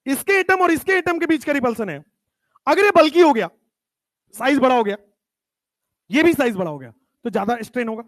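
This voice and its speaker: High-voiced, lively male chemistry teacher. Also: brisk, long pauses, dry recording. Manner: emphatic, repeats key terms, drops pitch at definitions. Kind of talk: classroom lecture.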